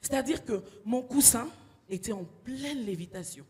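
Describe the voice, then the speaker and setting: Girl doing stand-up, slangy, husky, hall reverb ringing. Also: fairly high pitch, moderate pace. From DR Congo. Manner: animated storytelling, street slang. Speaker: stand-up comedian. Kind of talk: stand-up comedy set.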